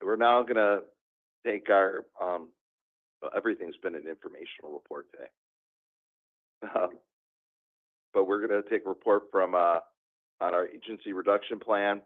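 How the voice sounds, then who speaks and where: A man's voice: low-pitched, normal speed, pauses often. A man chairing a committee meeting, chatty and joking between reports. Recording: tinny phone-like line.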